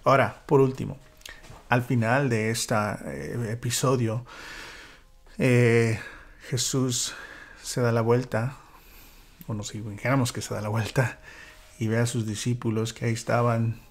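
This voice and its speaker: A man leading a church small-group Bible study, speaking reflectively with fillers and dropping into a whisper for calm moments. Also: mid-range voice, a little slow, pauses often. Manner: reflective, with many fillers and soft whispered asides.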